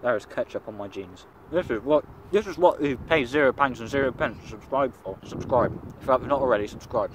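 A man's voice: mid-range voice, fast talker, hardly any pauses. A young English man rambling crudely and swearing through a casual vlog, filming himself on a phone outdoors by a busy road. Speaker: vlogger. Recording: outdoor phone recording with traffic noise.

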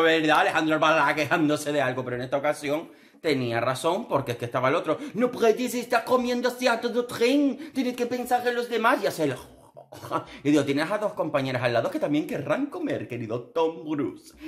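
A young man from Spain giving a casual, sarcastic commentary on a reality show, camp and theatrical, with squealing put-on quotes. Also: mid-range voice.

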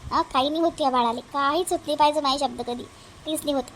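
Woman voicing a steady cartoon neighbor lady, high voice, reassuring and firm. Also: quick pace, a little hiss or hum. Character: calm, soothing village neighbor woman.

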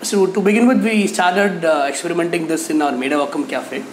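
A man, a cafe owner sharing feedback in an interview. His voice sits a little high, and he talks hesitantly with lots of fillers. He is recorded on a lapel mic in an echoey cafe room with a faint hum behind him. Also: brisk. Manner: hesitant, many fillers and restarts, gestures while talking. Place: cafe with painted mural wall, indoors.

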